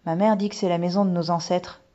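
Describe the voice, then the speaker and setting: A woman voicing an eager young girl on a trip abroad, speaking with bouncy, exclaiming excitement. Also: on the low side, quick pace, close to an everyday voice. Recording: dull lo-fi recording.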